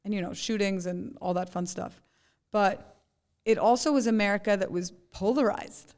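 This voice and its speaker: A woman's voice: mid-range voice, normal speed, darkish tone, smooth. Chatty woman entrepreneur telling stories. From Jordan, raised in New York. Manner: chatty storyteller, says "like" and "right?". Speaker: guest entrepreneur. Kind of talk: casual conversation.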